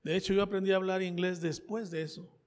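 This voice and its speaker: The speaker is a man with a Mexican accent preaching in church, his high voice moving at a quick pace with fairly even intonation. He talks conversationally through his own testimony, repeating phrases and questioning those listening, and the hall is reverberant.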